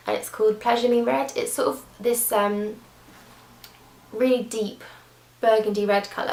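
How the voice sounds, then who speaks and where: A young woman with a mid-range voice and some vocal fry gushes through a casual beauty product review, full of fillers and restarts. She's a beauty vlogger recording in an echoey room.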